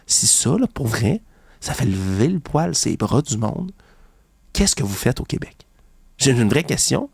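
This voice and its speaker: Very animated yet measured in pace, this Québécois French-accented host has vocal fry and a slightly mellow, slightly rough voice. He rants indignantly and sarcastically about a news story on his commentary show, mocking opponents in high voices. The audio is clean studio sound with no echo.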